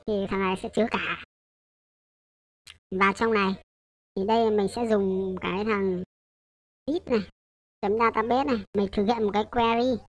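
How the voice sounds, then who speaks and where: Recorded with lo-fi sound, a woman of medium pitch walks through a programming lesson casually and with some hesitation. She corrects herself and keeps making sure her listeners are with her.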